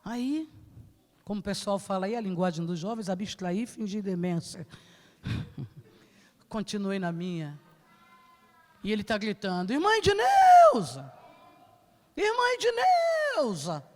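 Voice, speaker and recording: A woman with a Brazilian accent telling a testimony in church, animated and acting out the scene. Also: mid-range voice, normal speed, long pauses. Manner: animated, acts out the scene with laughs. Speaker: church speaker. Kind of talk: lively testimony storytelling. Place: church sanctuary. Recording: church hall reverb.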